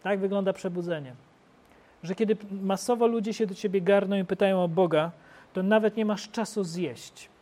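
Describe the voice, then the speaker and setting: A male preacher giving a sermon, telling the story with lively swings between loud bursts and quiet asides. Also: high voice, moderate pace.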